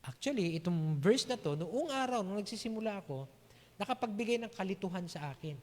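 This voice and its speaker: A male pastor preaching a sermon emphatically, often checking in with "Okay?" and reading verses slowly. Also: high voice, animated, a little mellow, in a large hall. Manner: mixes in English phrases and reads verses slowly. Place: church.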